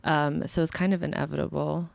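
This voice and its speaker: A woman guest talking in a relaxed, reflective way with many fillers, in a casual conversation. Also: deep voice, brisk, gravelly, dry recording. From born in the United States, raised partly in Ethiopia. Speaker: guest, film series organizer.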